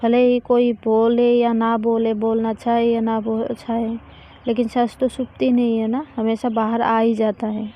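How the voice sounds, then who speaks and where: A woman's voice: fairly high pitch, flat delivery, measured pace, dull audio, lightly acted. Riya, a woman voicing a hurt young college woman. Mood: hurt, accusing.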